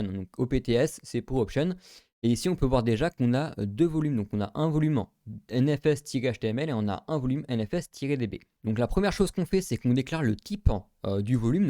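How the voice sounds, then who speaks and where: A man's voice: mid-range voice, dark tone, no room sound, studio quality. A man, casually talking through a screen-recorded tech tutorial, with many fillers and thinking aloud.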